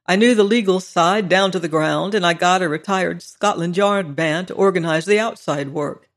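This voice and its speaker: A man reading as a brisk, stiff ex-solicitor. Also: high-pitched, fairly bright tone. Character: impulsive, stiff former solicitor turned detective. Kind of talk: audiobook character reading.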